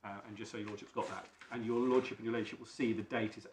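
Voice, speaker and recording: A British man making formal legal submissions as a barrister, deferential and learned, often halting and repeating his phrases. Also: lowish voice, steady tone. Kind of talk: formal courtroom legal argument. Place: indoor courtroom. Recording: echoey courtroom with faint background noise.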